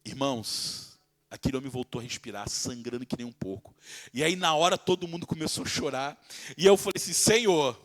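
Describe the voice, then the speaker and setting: A male pastor telling a dramatic testimony in a sermon, swinging from loud exclaiming to hushed, slow speech. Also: medium pitch.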